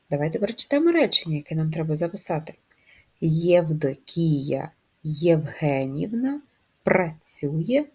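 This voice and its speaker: A woman with a low, darkish voice teaches first graders handwriting. She gives slow, patient instructions, clearly articulated and carefully spelled out.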